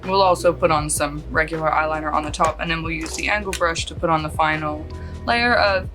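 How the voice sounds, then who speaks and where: A beauty vlogger in her late thirties, originally from Australia, talks in a low, brisk voice with music playing behind her. Her accent is mostly Californian, though some Australian slips through. At home under a close lamp, she rambles through a casual makeup tutorial, poking fun at herself and laughing often.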